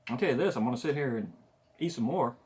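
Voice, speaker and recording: A man's voice: medium pitch, lively intonation, quick pace, darkish tone. Offhand man's food review, noisy recording. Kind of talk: casual taste-test vlog chat. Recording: noticeable background noise.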